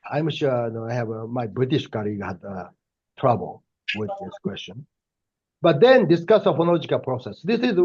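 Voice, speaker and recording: A university professor, an older man speaking with a Japanese accent, delivers a lecture that includes personal anecdotes, in a voice that is highish and dark, heard through lo-fi sound. His delivery is considered but halting, with many fillers and restarts.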